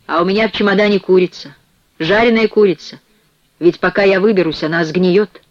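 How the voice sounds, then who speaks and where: A fretful, aggrieved jailed man, as a male audiobook reader puts him on, whose voice climbs high and loud when he is upset. The recording is dry and a little dull. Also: a little fast, no echo, lightly acted. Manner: plaintive, agitated. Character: anxious newly arrested man with roast chicken.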